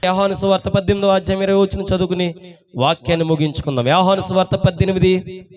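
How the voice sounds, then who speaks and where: A pastor preaching a Sunday sermon in church. He fires off repeated rhetorical questions and swings between loud and hushed delivery. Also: high voice, steady tone, fast.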